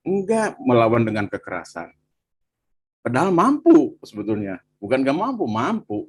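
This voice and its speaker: Man, husky, mid pitch, animated storytelling, personal testimony. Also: moderate pace. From Bandung, Indonesia. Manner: animated storytelling, frequent "Pak" and "gitu". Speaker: guest telling his testimony.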